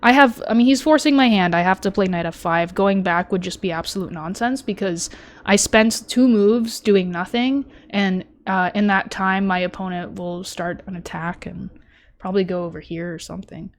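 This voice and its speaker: A woman's voice: mid-range voice, normal speed. A young woman streaming, chatting casually as she reviews her tournament chess game, thinking aloud with lots of fillers and self-deprecating asides. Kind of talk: casual live-stream commentary.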